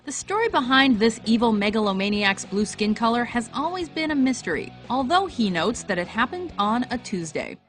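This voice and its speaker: Brief: female narrator, wry countdown read, lively pitch. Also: normal speed, few pauses, faint music behind.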